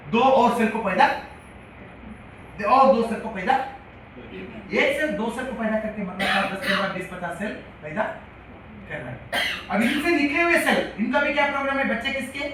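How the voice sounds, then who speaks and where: High-voiced man lecturing in an echoey hall. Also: animated, moderate pace, pauses often, fairly bright tone. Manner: repetitive, quizzes the audience. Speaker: health lecturer. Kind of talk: classroom-style lecture. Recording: echoey hall from far off, faint hiss.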